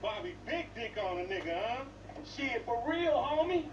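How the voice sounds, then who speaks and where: Brash young street hustler, slangy and cocky, lively pitch, noisy game audio. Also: male voice, lo-fi sound. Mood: boastful. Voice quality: cocky slang-heavy swagger. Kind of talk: video game dialogue. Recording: game audio with background noise.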